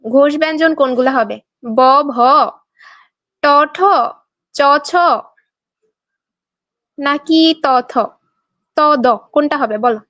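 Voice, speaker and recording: A woman's voice: high-pitched, slow, long pauses, no room sound, lo-fi sound. A young woman from Bangladesh teaching an online exam-prep class, quizzing students and reading their answers aloud with a playful, teasing manner.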